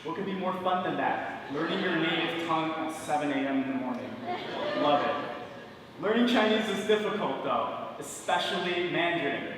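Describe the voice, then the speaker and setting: A young stage magician in his twenties, his voice on the high side, does animated magic patter at normal speed on a large indoor theater stage. He jokes playfully with an audience volunteer. A distant mic picks him up in the echoey hall, with noisy background.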